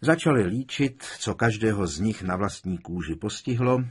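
A male audiobook narrator with a low, somewhat husky voice. He reads the story expressively and raises his pitch and volume when the characters speak. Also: animated. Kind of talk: scripted narration.

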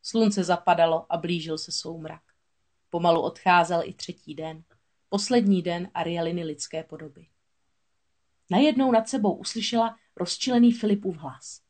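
A woman narrating a children's storybook aloud in a steady, expressive voice. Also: on the low side.

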